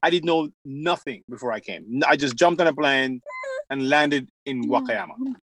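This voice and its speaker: A man from Jamaica, an author being interviewed, telling his story in a lively, chatty way with plenty of fillers. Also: a little high, moderate pace, no room sound, poor audio. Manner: animated storyteller with frequent laughs and fillers. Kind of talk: casual conversational interview.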